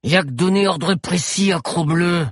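A grating, brutish giant chief with tattoos barks broken pidgin from a storybook, as a man acts him out. The voice sits high and strained, very husky, with dry, close sound. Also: no echo, heavily acted. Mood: sluggish. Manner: slow, drawn-out, bellowing. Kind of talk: audiobook character voice.

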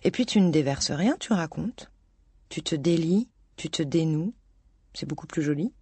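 A reader voicing a gentle older man who listens kindly and answers in a soft, reassuring way, in an audiobook reading. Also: medium pitch, lively intonation, moderate pace, slightly rough, no room sound.

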